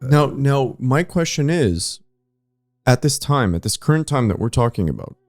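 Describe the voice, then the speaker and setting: A man's voice: mid-range voice, very animated, normal speed, no echo, clean studio sound. A man co-hosting a casual history podcast, pressing his argument with pointed questions and often cutting in. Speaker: podcast co-host.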